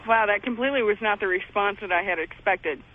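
A man's voice: sits high, fast. A man calling into a radio show as a longtime listener, earnest and a little stammering. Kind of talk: call-in conversation. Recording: tinny phone line.

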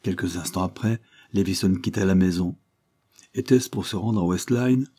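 Low-voiced male audiobook narrator. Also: moderate pace, warm tone. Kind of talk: scripted narration.

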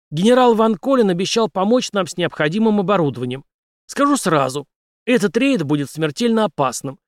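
Man doing ex-captain, determined, forceful, raised pitch, dry close recording. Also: dry recording. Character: resolute male ex-captain, a devoted husband.

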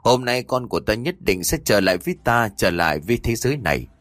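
A vengeful sorceress speaks coldly and menacingly in a ghost story, as a male narrator reads her lines. The voice stays low and lively, with a dry close sound. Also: quick pace, no echo. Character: vengeful woman sorceress, cold and scheming.

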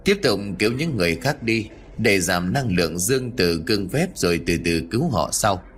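A man voicing a calm older male monk master who speaks in a measured, instructive way, in an audiobook ghost story. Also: on the low side. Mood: steady.

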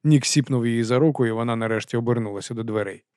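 A man narrating an audiobook in the first person, calm and even. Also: mid-range voice, very fast, dry recording, studio quality.

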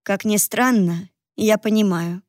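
A woman's voice: mid-range voice, measured pace, a little mellow, no room sound, studio quality, close to an everyday voice. A woman reading an audiobook, voicing a worried middle-aged mother who is anxious, sighing and disapproving. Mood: wry.

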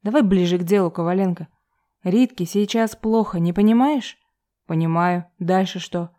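A woman voicing a bitter young man, rude, loud and sarcastic. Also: lowish voice, moderate pace, close to an everyday voice.

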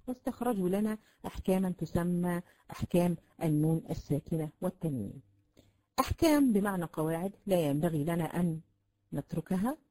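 A woman with an Egyptian Arabic accent teaching a class on Quran recitation, patiently explaining, repeating sounds to demonstrate and filling pauses with drawn-out sounds. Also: medium pitch, darkish tone, low-quality recording. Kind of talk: classroom lesson.

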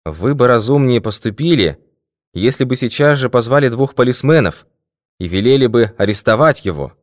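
A male audiobook reader voicing a calm, confident middle-aged detective in a composed, measured tone. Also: medium pitch, dry recording, clean studio sound, voice pushed up, lightly acted. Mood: assured. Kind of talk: audiobook character voice.

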